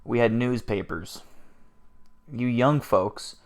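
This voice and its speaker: A man's voice: medium pitch, takes it slowly. Rambling, joking male livestream host. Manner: rambling, profane, joking with chat. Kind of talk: casual livestream chat.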